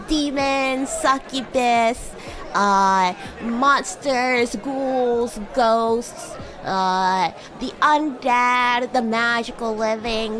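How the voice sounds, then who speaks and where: A VTuber streamer with a fairly bright, high-leaning voice plays a bratty, flustered young female demon classmate in improvised livestream roleplay. She teases and stammers while acting haughty and defensive.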